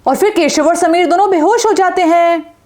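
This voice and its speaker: A woman narrating a children's doll story with a steady storyteller's cadence. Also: extremely high pitch, moderate pace.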